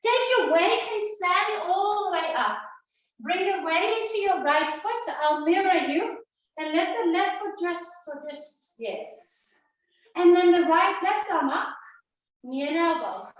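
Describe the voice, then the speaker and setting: A woman's voice: extremely high pitch, animated, a little slow. A woman leading an online yoga workout, counting reps and calling cues while she exercises, a little out of breath. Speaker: yoga teacher. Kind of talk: live online workout class instruction. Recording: roomy, distant sound.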